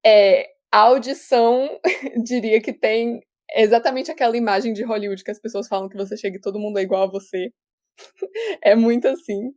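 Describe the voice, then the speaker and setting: A young woman from Brazil, an actor, chatting casually as a guest over a remote call, talking with many restarts and quick laughs. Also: fairly high pitch, darkish tone. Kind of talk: casual interview chat.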